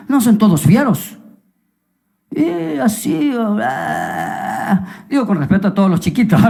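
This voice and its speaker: A preacher tells the story in a dramatized sermon, with swings between loud, bright moments and hushed passages. Humorous asides and direct questions to the congregation keep the delivery lively. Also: mid-range voice.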